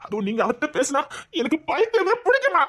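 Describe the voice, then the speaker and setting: A woman's voice: high-pitched, very animated, fast talker, a bit bright. A woman voicing a hurt, angry grown son who pleads with his mother in a dubbed serial drama. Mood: pleading. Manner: pleading, accusing.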